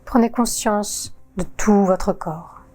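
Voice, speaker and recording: Yoga lady guiding a relaxation, super slow and soft, mellow voice, faint music under. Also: medium pitch. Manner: calm, soothing, with long pauses. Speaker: yoga teacher. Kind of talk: guided relaxation narration.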